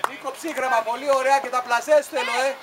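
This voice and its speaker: A man coaching football from the sideline outdoors, shouting short repeated commands and praise to his players. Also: very high-pitched, steady tone, a loud crowd. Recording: noisy outdoor field recording.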